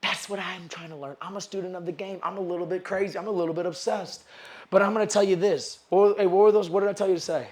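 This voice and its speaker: Speaking fast with a darkish tone and fairly even intonation, a male sales speaker delivers a motivational seminar in a hall. He's high-energy and preachy, calling out to the audience.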